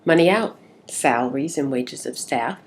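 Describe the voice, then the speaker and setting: A woman's voice: extremely low pitch, animated, moderate pace. A woman instructor giving a recorded lecture, speaking informally with frequent "uh"s. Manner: informal, with filler "uh"s.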